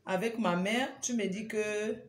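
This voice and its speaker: Streaming casually from home on her phone, a woman with a medium-pitched, reverberant voice urgently pleads with her viewers again and again. She also teases them with scolding banter.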